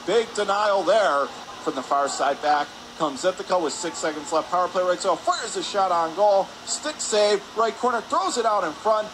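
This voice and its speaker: A man with a high voice calls a hockey game live on radio at a normal speed, his excitable delivery climbing with every shot and save. The noisy ambience of an indoor ice rink is clearly audible behind him.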